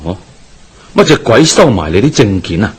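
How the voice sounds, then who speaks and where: Sounding assured, a man with a Hong Kong Cantonese accent plays a calm Taoist exorcist master with authority in a heavily acted radio drama performance. His pitch is fairly low and slightly rough, and his speech is measured, knowing and formal.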